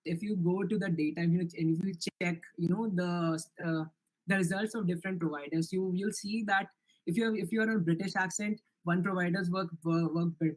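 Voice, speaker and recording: In a live online demo, a young adult man with an Indian accent presents his software project and answers questions earnestly. He restarts often and uses many fillers, speaking briskly in a high-sitting voice over poor audio.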